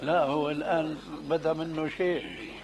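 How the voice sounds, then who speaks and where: A man mediating a religious discussion in a calm, measured way. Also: a little high, crowd noise.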